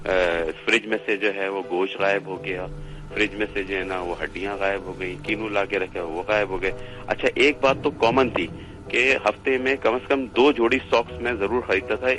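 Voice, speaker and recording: A middle-aged man from Pakistan, casually telling a haunting story and acting out his family's words. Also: on the low side. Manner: animated, acts out family members' lines.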